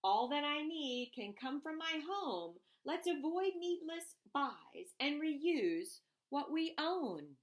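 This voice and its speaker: A woman's voice, pitched high and sing-song, carries a deliberate, expressive reading of a rhyming children's picture book. She emphasises some phrases along the way.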